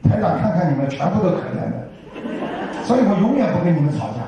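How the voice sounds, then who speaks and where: A man's voice: sits high, big pitch swings, fairly quick, dull audio, heavy background noise. An older man gives a folksy Buddhist dharma talk to an audience, full of rhetorical questions. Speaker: Buddhist teacher. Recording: echoey hall from far off.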